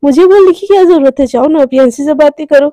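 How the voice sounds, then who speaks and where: A woman's voice: high voice, steady tone, moderate pace, mellow, dry recording, natural voice. A woman voicing a young girlfriend who talks sulkily and stammers when flustered. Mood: jealous. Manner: stammering, sulky. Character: young woman, soft-spoken girlfriend turned jealous and flustered.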